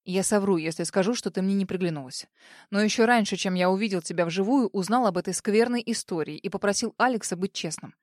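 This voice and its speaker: Audiobook figure: tired, guilty lawyer man, lowered and earnest, read by a woman, dry close sound. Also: fast talker, a little mellow, no room sound, natural voice. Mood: indignant. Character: weary remorseful male lawyer, middle-aged. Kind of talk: audiobook character voice.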